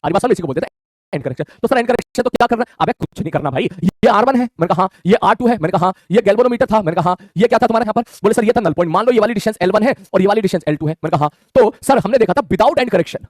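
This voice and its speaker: A man teaching a physics lesson online, talking in a quick, colloquial way and checking in with his students constantly. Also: high voice, lively intonation, no room sound, clean studio sound. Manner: rapid colloquial Hindi, calls students "mere bhai", frequent "theek hai".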